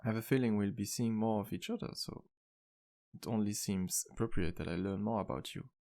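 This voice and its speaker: With a lowish, warm voice, a man plays a charming vampire bartender in an intimate ASMR roleplay, flirting and teasing courteously in a one-sided conversation. He's smooth-talking and playful, letting his pauses linger, and the mood is playful and charmed.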